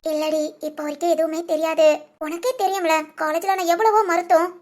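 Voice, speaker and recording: A woman voicing an earnest young woman in love, soft and a little worried. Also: very high-pitched, steady tone, a little fast. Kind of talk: storybook voice acting.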